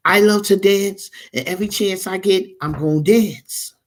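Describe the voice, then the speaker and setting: A woman's voice: medium pitch, normal speed. A woman in her forties, a tarot reader chatting casually and rambling to her livestream viewers. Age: 40s.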